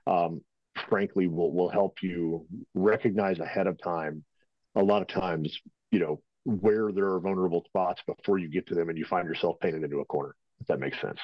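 Deep-voiced man, loose rambling talk. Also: fairly even intonation, moderate pace, dry recording, highs cut off. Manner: rambling, filler-heavy, conversational. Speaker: interview guest, firearms instructor. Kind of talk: casual spoken interview answer. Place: at home.

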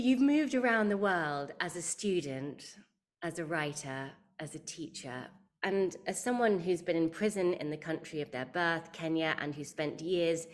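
Woman podcast host, pretty low voice, reading her intro, calm and measured. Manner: measured, clear delivery of a prepared intro.

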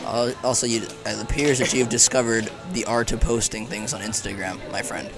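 A man's voice: fairly low pitch, flat delivery, a little fast, over music. A young man co-hosting a podcast in casual banter, rambling and teasing with lots of fillers. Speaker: podcast co-host.

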